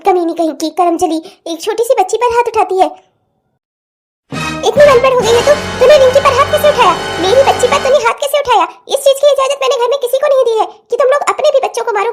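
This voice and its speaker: A woman voicing an old grandmother in a cartoon comedy, protective of her granddaughter and quick to scold. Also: very high-pitched. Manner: scolding, exclamatory.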